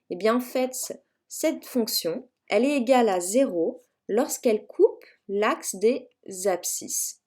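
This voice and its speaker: A woman's voice: medium pitch, a little mellow. A woman teacher walking students through a calculator math lesson, chatty and self-mocking, with frequent fillers as she explains each step.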